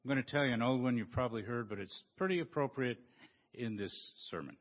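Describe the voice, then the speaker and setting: A male pastor preaching an emphatic sermon in a church sanctuary. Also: medium pitch. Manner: slow, lively, emphatic preaching. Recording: dull recording with long church reverb.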